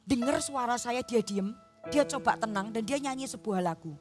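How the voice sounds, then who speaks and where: Pendeta wanita bersuara agak tinggi dan ekspresif. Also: female voice, fairly high pitch, normal speed, music in the background. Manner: expressive, storytelling, addresses the congregation. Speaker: pastor. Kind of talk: sermon. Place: church.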